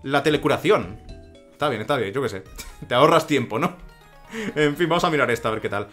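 A man's voice: medium pitch, lively intonation, a little fast, fairly bright tone, soft background music. A man with a Spain Spanish accent doing gameplay commentary in a sarcastic, swearing, ranting manner. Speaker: let's play commentator.

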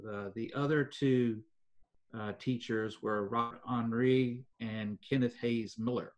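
An older man, telling local history in an interview at an even pace with many fillers. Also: mid-range voice, highs cut off. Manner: measured storytelling with frequent fillers. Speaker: foundation president, guest.

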